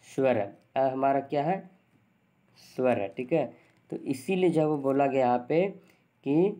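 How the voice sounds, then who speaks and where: In a warm, medium-pitched voice, a man teaches Hindi grammar to exam students. He asks questions and answers them himself, repeats definitions often, and frequently says "thik hai."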